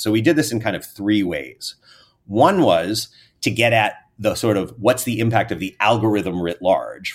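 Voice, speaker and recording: Man, low pitch, academic, measured delivery. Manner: measured, academic, trails off at sentence ends. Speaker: researcher guest. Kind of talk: explanatory interview answer.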